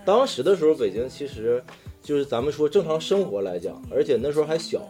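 A man's voice: a little high, very animated, fast talker, mellow, faint music behind. A man from northeastern China with a Northeastern accent, chatting casually and telling personal anecdotes in an earthy, slangy way with some swearing. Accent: Northeastern Chinese. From Daqing, northeastern China. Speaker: talk show storyteller among friends.

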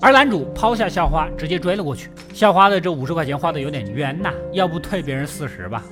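A man's voice: fairly high pitch, animated, fast talker. A man narrating a film recap in a chatty storytelling way, tossing in playful asides to the listener. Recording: voice-over over loud film music.

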